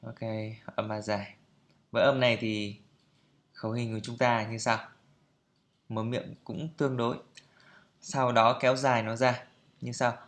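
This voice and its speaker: A man teaching pronunciation, explaining calmly and then drilling sounds and words aloud with slow, deliberate repetition. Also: mid-range voice. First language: Vietnamese.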